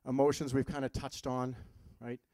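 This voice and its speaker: A man's voice: medium pitch, level tone, normal speed, warm tone, no room sound. A man who works with patients gives a live health seminar in a conversational way, asking the audience questions and dropping jokes. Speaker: health practitioner giving a seminar.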